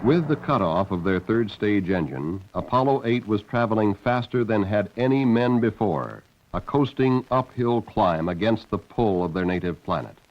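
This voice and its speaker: A man delivers scripted documentary narration in a fairly deep voice. The soundtrack is slightly muffled, like an old film. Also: lively intonation, moderate pace, slight background noise. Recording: dull band-limited old film soundtrack.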